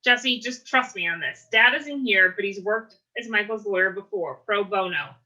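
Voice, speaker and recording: A woman voicing a chirpy young office girl, lively, quick to fluster, bright tone. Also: mid-range voice, low-quality recording.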